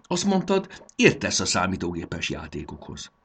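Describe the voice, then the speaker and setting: A man's voice: low-pitched, wildly swooping pitch, a bit bright, slight background noise, heavily acted. A man reading a storybook aloud and voicing a feisty little fairy girl who is pert and sulky. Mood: indignant.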